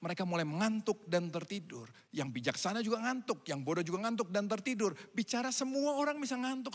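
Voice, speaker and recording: A pastor preaching a sermon to his congregation, swinging between loud calls and quiet asides. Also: high-pitched, creaky. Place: church hall. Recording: hall reverb.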